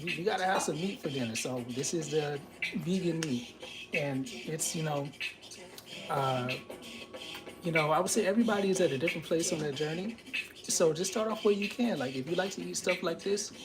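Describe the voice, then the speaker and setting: A man hosting a live stream, narrating casually and haltingly while he cooks in his home kitchen. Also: fairly high pitch, low-quality recording. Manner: halting, informal, thinking aloud. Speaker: host of a live cooking and health stream.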